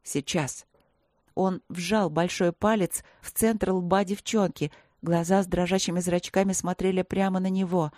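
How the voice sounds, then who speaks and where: A woman narrating a fantasy audiobook in a measured storytelling manner. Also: on the low side, little pitch movement, darkish tone, no room sound, clean studio sound. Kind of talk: scripted narration.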